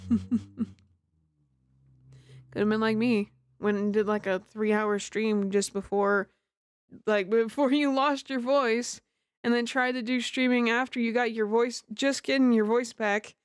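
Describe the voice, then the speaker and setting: A livestreamer and amateur voice actor chats casually on a game stream, giggling, rambling and putting herself down while sitting close to the mic. Her voice is a little high and smooth, with a flat, slightly slow delivery and frequent pauses. The recording has no echo, and music plays behind her.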